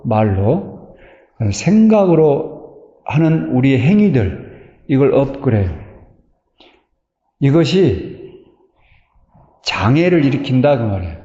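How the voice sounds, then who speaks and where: A man's voice: mid-range voice, warm tone. A man giving a Buddhist dharma talk in a temple hall, speaking conversationally and putting rhetorical questions to his listeners. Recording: dull, echoey hall recording.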